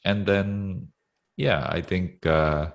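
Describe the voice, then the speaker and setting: A man in his thirties from Sri Lanka, a guest talking casually on a video call, relaxed, chuckling often with hesitant fillers. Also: low-pitched, extremely slow, muffled recording. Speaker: interview guest. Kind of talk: casual interview talk.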